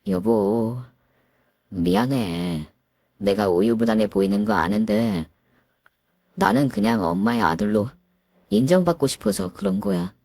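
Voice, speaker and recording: A woman voicing a timid, soft-spoken husband who pleads meekly and hesitates. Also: extremely low pitch, lively intonation, a little slow, creaky, pauses often, no room sound, studio quality, voice pushed down, exaggerated voice. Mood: pleading.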